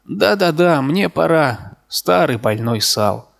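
A man reading the lines of a restless young man who hurriedly says goodbye to his sick friend in an audiobook, with a gravelly voice. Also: on the high side, animated, takes it slowly, exaggerated voice.

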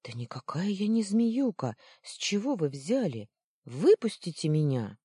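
A woman narrator voicing a trapped young girl who calls out loudly and protests. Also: big pitch swings, a little slow, husky, no room sound, studio quality, exaggerated voice. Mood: indignant. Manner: shouting, pleading, high and indignant.

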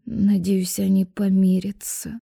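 A woman's voice: medium pitch, steady tone, normal speed, mellow, natural voice. A woman voicing a flustered, kindly grandmother who talks in a fussy, apologetic way. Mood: earnest.

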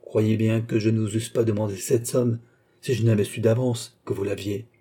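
A man's voice: on the low side, little pitch movement, dark tone, slightly rough. Cagliostro, as read by a man: icy count. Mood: cool. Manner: cool, measured, polite but unyielding. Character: icy, composed male count and sorcerer-creditor.

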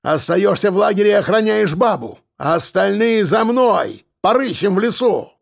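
Brief: a raspy, high-pitched bellowing convict boss, swearing, wildly swinging voice, audiobook. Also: male voice, expressive, normal speed, exaggerated voice. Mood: commanding. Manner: bellowing, swearing, shrill shouting. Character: furious loud male convict gang boss. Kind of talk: audiobook character voice.

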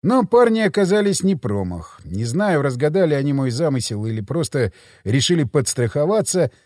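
A man's voice: fairly high pitch, very animated, normal speed, darkish tone, no echo. A man reading a first-person thriller audiobook in tense, dramatic scripted narration on a close mic.

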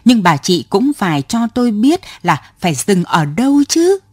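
A man's voice: high voice, sing-song, a little slow, no echo, studio quality, heavily acted. A woman voicing an elderly male cyclo driver who loses his temper and snaps at a passenger, in a storybook reading. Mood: patient. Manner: exasperated, snapping.

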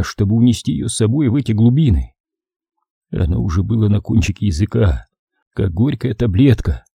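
A male audiobook narrator who reads at a steady, measured pace. His voice is very dark and husky and sits low. The recording is dry and close to the mic. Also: no echo. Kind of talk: scripted narration.

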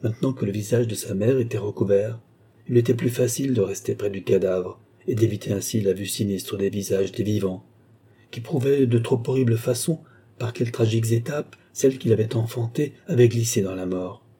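A man narrating a literary novel in a steady, even reading. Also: on the low side, fairly quick, breathy edge. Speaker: audiobook narrator.

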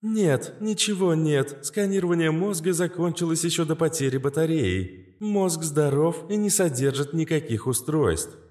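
A man's voice: on the high side, lively intonation, moderate pace, few pauses, darkish tone, pitched above the performer's own voice, natural voice. A man voicing a cold, precise artificial female mind that reports scan results, in an audiobook. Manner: cold, precise, matter-of-fact.

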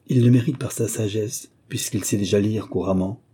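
A man's voice: lowish voice, steady tone, moderate pace, dark tone, breathy edge. A man voicing a poor, humble peasant miller who talks in a deferential, pleading way.

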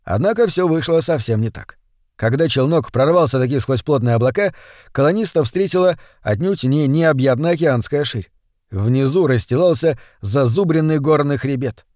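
A man reading a science fiction story aloud as audiobook narrator in a measured, even way. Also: a little high, no echo, studio quality. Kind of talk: scripted narration.

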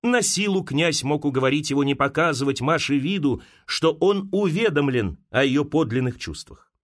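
A man from Russia reading a classic novel aloud as an audiobook narrator, dramatic and expressive. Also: fairly high pitch, moderate pace. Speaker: audiobook reader.

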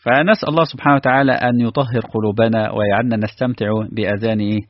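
Man, Egyptian accent, preacher, brisk sermon delivery, rhetorical questions, dry dull lo-fi recording. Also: mid-range voice, dry recording. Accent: Egyptian Arabic. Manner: animated, asks the listeners rhetorical questions.

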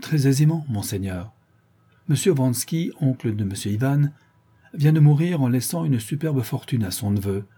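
Narrator doing a deferential young gentleman, husky and mellow, storybook reading. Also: mid-range voice, expressive, moderate pace. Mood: respectful. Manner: deferential, explanatory. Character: respectful young nobleman messenger. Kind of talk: audiobook reading.

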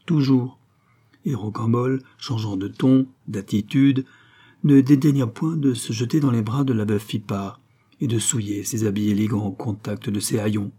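A man narrating a classic novel in a steady, measured reading. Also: on the low side, breathy edge. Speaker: audiobook narrator.

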